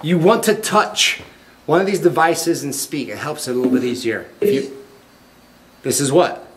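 Chatty guy with a bit of a high voice, big echo bouncing around an empty school, faint hiss behind. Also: expressive, moderate pace, a bit bright. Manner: chatty and rambling, talking to unseen spirits. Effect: heavy echo bouncing around an empty building. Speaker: ghost-hunting host. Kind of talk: casual paranormal investigation vlog. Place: inside an empty school building.

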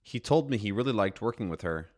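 A man reading single words and example sentences in a careful, even way for a study deck. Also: lowish voice, normal speed. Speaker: recorded example-sentence reader.

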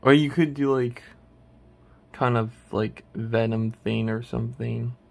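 A man's voice: medium pitch, fairly even intonation, a little slow, gravelly. A man hosting his channel, chatting casually while ranking a tier list, rambling and hesitant with many restarts. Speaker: channel host.

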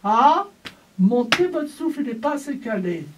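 A woman's voice: on the high side, sing-song, normal speed, a little hiss or hum. A woman voice teacher coaching a singing lesson, breaking off her instructions to demonstrate sung vowels. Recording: voice from far off the mic.

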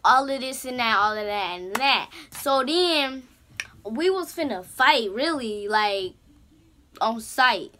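A woman vlogger in her bedroom telling a story time in an animated, slangy, rambling way, with lots of asides. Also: fairly high pitch, takes it slowly. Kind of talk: casual story time monologue. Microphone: camera's built-in mic.

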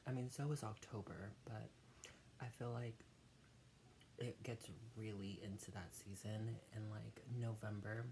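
A young adult with a gravelly voice, chatting casually between mouthfuls of crunchy chips in a home eating video. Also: medium pitch, level tone, background noise. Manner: eating crunchy chips while talking, with pauses to chew. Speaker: vlogger hosting an eating video. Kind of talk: casual eat-with-me mukbang chat. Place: small dim room at home.

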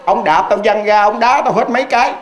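A man voicing the ghost of a dead father, speaking slowly and with a wounded scolding tone, in a Southern Vietnamese accent. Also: sits high, voice pushed up, close to an everyday voice. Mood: aggrieved.

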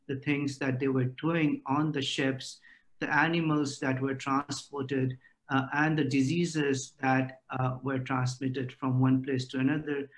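A middle-aged man giving an academic lecture over a video call, with many "uh" fillers. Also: mid-range voice.

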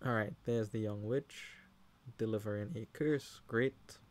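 A man with a fairly low pitch and a slightly slow delivery gives live card-game commentary in a Trinidadian accent. He's animated, speaks to the players, and raises his voice in excitement at big plays.

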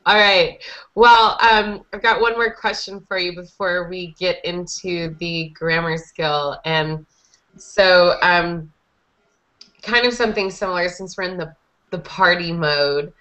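Speaking into a headset boom mic from a small indoor room, a young adult woman leads a group video call teaching conversational English with encouragement. Her voice sits on the low side, a bit bright, with a steady tone and an unhurried pace. The sound is the dull, lo-fi kind typical of video call headsets.

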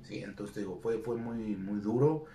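A man's voice: fairly low pitch, moderate pace, slight background noise. A middle-aged man with a Mexican accent, a retired wrestler telling stories in a casual interview and acting out the dialogue. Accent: Mexican Spanish. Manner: animated storyteller acting out quoted dialogue. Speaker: retired lucha libre wrestler, guest. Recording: echoey room, voice from off-mic.

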